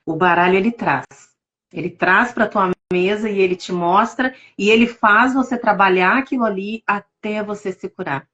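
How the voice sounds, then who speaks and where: A Brazilian woman, a tarot reader, telling her story with deep emotion in a live interview over a video call. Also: moderate pace, fairly bright tone, highs cut off. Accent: Brazilian Portuguese. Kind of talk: casual testimony in a live interview.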